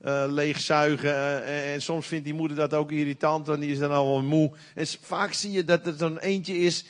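A middle-aged man preaching a sermon in a folksy, animated way with sudden loud outbursts. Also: a little high, moderate pace.

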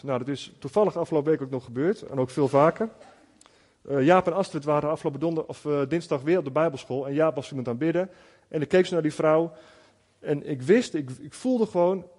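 A preacher teaching on spiritual gifts gives an informal sermon in a fairly high, slightly mellow voice, with long hall reverb on the recording. He tells stories earnestly, with many restarts and fillers.

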